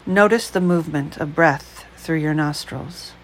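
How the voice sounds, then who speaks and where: A woman leading a guided breath meditation, speaking slowly, calmly and softly. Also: low-pitched, a little hiss or hum, poor audio. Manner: slow, calm, soft-spoken.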